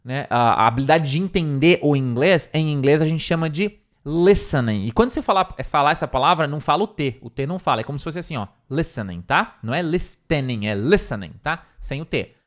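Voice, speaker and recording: A man's voice: on the high side, animated, fast, hardly any pauses, a bit bright. A man teaching an online English lesson, stressing and repeating key points and checking in with "tá?".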